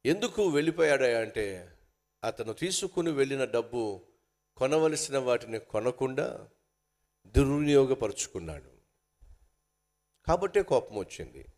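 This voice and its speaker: A man's voice: medium pitch, big pitch swings, unhurried, long pauses, darkish tone. Earnest man preaching with acted outbursts. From India. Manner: acts out angry quarrels in raised voices; earnest, addresses listeners as sisters and brothers. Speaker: pastor. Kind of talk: sermon.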